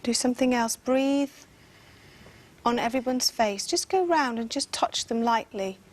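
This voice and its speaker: A woman leading a seance around a table in a dark room, slowly and insistently calling on spirits to make themselves known. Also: fairly high pitch. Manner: slow, pleading, insistent.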